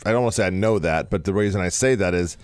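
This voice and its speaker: A man's voice: low-pitched, quick pace, dry recording. A man co-hosting a radio show in casual chat, teasing and playful, and he slips into silly voices. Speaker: radio co-host.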